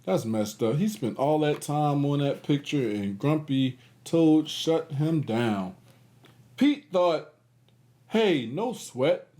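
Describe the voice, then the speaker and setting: Reading a children's picture book slowly, a man who hosts a read-aloud series uses a high, very animated voice. As he unhurriedly works through the story, he adds relaxed words of encouragement.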